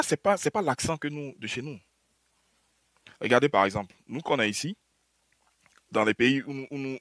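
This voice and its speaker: A man's voice: medium pitch, fairly bright tone, no room sound. A man with an Ivorian French accent giving heated political commentary to viewers, mocking, firing rhetorical questions and restarting his sentences. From Côte d'Ivoire. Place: abroad, in a developed country.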